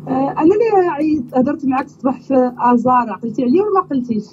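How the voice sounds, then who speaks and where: Putting on a Moroccan accent for a prank call, a man plays a talkative young woman from abroad hunting for a husband. His very high-pitched voice is expressive and rapid-fire as he chats, pleads and keeps asking "you understand?". The recording has a dull lo-fi quality and faint noise.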